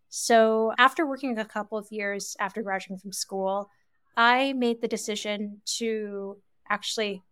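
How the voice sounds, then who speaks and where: A woman from Canada, an author guest, telling her story in a lively, chatty way with fillers. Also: mid-range voice, smooth, dry recording, studio quality. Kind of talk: casual interview talk.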